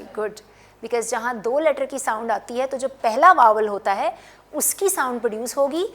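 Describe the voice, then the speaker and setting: A woman English teacher giving a classroom phonics lesson, stretching and repeating words for her students. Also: high-pitched. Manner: drawn-out, emphatic word repetition.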